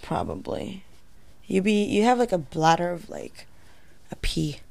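A woman's voice: on the low side, wildly swooping pitch, unhurried, gravelly, a little mellow, no echo. Young woman co-host, stoned, giggly and laid-back, swears freely, dry close sound. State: high. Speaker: podcast co-host. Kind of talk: casual chat.

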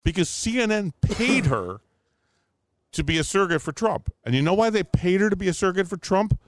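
Animated man in a dry podcast chat. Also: sits high, a little fast, no room sound. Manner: animated, emphatic, swears casually. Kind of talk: casual political and media chat.

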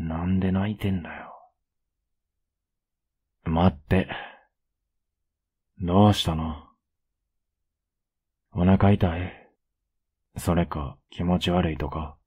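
A young man with a Kansai accent in a whispered role-play as a blunt, rough-spoken boyfriend who is caring underneath, recorded close up at home. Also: low voice, muffled recording. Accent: Kansai Japanese. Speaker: voice actor playing a boyfriend.

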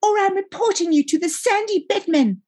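A woman's voice: normal speed, darkish tone. A woman voicing a wheezy, whiny little boy who tattles on his sister while she reads her novel aloud. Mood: whiny tattling. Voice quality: wheezy, high and nasal. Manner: whining, self-righteous.

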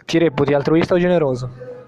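A man's voice: a little high, quick pace, warm tone. A young man hosting a casual podcast interview, asking questions in an informal, teasing way. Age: young adult. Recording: dull lo-fi sound.

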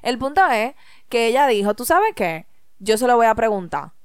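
A woman co-hosting a podcast in casual chat, quick and chatty as she tells a story. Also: fairly high pitch, very animated, clear, resonant tone, no echo, clean studio sound. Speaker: podcast co-host.

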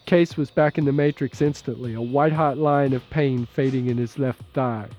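A man narrating an audiobook in a measured, steady, low-key way. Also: lo-fi sound, soft background music. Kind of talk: scripted narration.

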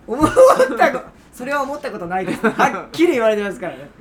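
A woman co-hosting a casual chat podcast, playful and quick with comebacks. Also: a little high, lively intonation. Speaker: podcast co-host.

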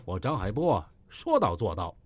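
A man voicing a cold, menacing tough man who speaks low and steady. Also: normal speed, husky, no echo, exaggerated voice. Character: cold tough middle-aged man, gangster ex-soldier.

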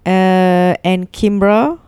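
A woman's voice: medium pitch, steady tone, drawn-out words, warm tone, clean tone, dry recording, studio quality. A woman with a Malaysian accent in casual podcast chat, colloquially switching between English and Malay with particles like lah and macam. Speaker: podcast co-host and musician.

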